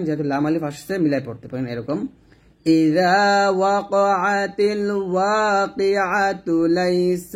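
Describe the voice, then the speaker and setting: A man teaching recitation, who explains pronunciation letter by letter and then chants verses slowly with long drawn-out vowels. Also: on the high side, a little mellow, husky. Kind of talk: recitation lesson.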